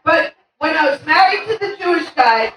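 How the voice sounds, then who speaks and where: Older lady doing standup, real high voice, brash and punchy, far off mic in an echoey room with a crowd. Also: animated, moderate pace, a bit bright, slight background noise. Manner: brash punchy delivery with sing-song emphasis. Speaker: stand-up comedian. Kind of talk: stand-up comedy set.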